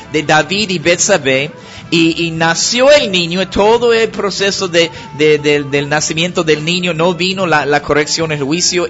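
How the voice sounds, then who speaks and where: Man, preacher, sermon, high voice, earnest, halting, dull lo-fi recording, faint music behind. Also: a bit bright. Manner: earnest, halting with many restarts.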